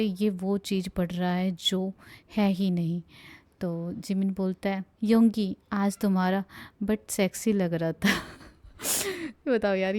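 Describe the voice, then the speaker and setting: A woman's voice: medium pitch, a little mellow. A young woman casually retelling a live stream in Hindi, reading out what each person said and often laughing as she goes. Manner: giggly, chatty, breaks into laughter while reading. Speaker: fan translator narrating a live stream.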